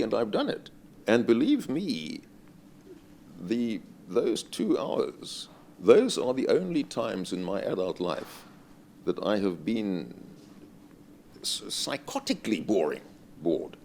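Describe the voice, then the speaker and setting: A man's voice: lowish voice, big pitch swings, slow, darkish tone, a little hiss or hum. An older man, a retired university invigilator, telling dry, self-deprecating stories in an interview.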